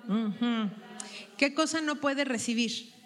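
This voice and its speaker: A woman's voice: fairly high pitch, slow. A woman teaching a women's Bible study group, asking questions and checking their answers. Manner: asks the group questions and tags them with "¿verdad?". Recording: long hall reverb.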